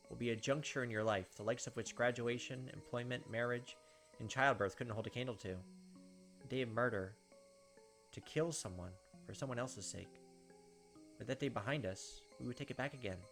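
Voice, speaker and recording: A gaming host with a medium-pitched, slightly bright voice performs a visual novel as a dramatic first-person reading, tossing in offhand comments. Game music plays behind him.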